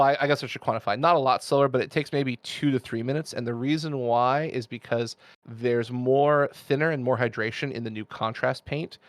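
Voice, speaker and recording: A man's voice: mid-range voice, dry recording. A man as a podcast guest, giving chatty, detailed explanations of painting technique with jokes and asides.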